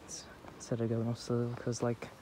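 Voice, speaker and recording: A man giving casual vlog commentary outdoors, talking quietly and awkwardly with a self-deprecating manner. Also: mid-range voice, completely flat delivery, moderate pace, poor audio. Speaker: vlogger. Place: outdoors in wind on open grassy shoreline and streets. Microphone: handheld phone. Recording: windy outdoor phone recording, heavy noise. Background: loud wind noise.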